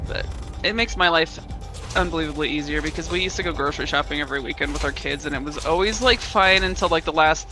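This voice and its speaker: A woman's voice: deep voice, fast talker, over music, low-quality recording. An American woman in casual chat, candid, rambling and freely swearing.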